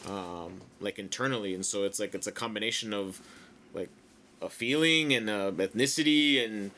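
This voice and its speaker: A man's voice: on the low side, moderate pace, bright, forceful tone, slight background noise. A man from the United States co-hosting a podcast in casual chat, thinking aloud and packing his sentences with "like". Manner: reflective, heavy use of "like" fillers. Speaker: podcast co-host.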